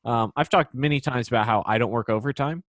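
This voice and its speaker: Podcast guy chatting casually, mid pitch, dry close sound. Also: fast talker, a bit bright, dry recording. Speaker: podcast co-host, software developer.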